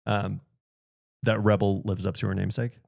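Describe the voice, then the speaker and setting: A man's voice: fairly low pitch, flat delivery, moderate pace, creaky, darkish tone, dry recording, clean studio sound. A man in his thirties, a podcast host talking candidly in casual conversation and laughing often.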